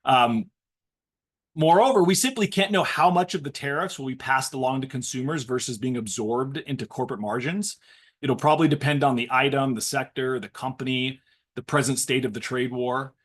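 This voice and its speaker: A male financial panelist offers measured, analytical economic commentary, laying out his points in structured explanations. His voice sits in the mid range.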